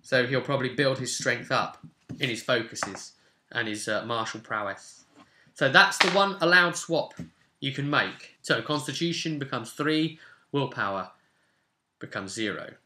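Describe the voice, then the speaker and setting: The host of a tabletop roleplay channel, a man in his twenties, speaks a little slowly in a mid-range voice with a sharp tone. Rolling a character, he casually explains the game to viewers and thinks aloud. His small indoor home room produces a roomy echo, and hiss and clicks sit in the background.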